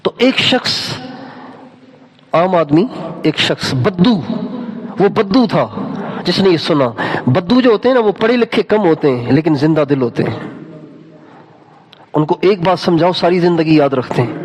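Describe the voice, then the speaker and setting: Brief: male preacher, fairly high voice, animated storytelling, chanted verses. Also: long pauses, rough recording. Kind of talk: Urdu sermon with Quran recitation.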